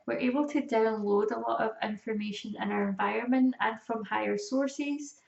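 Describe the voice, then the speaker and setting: A woman giving an informal lesson in a calm, measured manner, leaving drawn-out pauses. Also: on the high side, creaky. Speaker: energy healing teacher. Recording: echoey room, distant dull mic.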